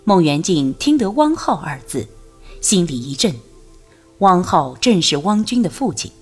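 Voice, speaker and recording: A woman narrates a martial arts novel in an expressive storytelling manner. Her voice is low-set and breathy, and her intonation is lively and rises and falls freely. Faint music plays beneath her reading. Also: measured pace. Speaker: audiobook narrator.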